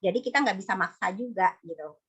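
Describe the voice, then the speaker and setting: Woman, 30s, psychologist on a parenting talk, conversational, mid pitch, acts out family dialogue. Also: fast, a bit bright, slightly rough. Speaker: psychologist speaker. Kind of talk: parenting talk in an online study session.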